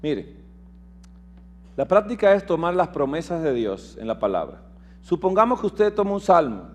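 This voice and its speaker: A man preaching a sermon, reading scripture aloud and putting questions to his congregation, swinging between loud declaiming and soft low asides. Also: big pitch swings, normal speed.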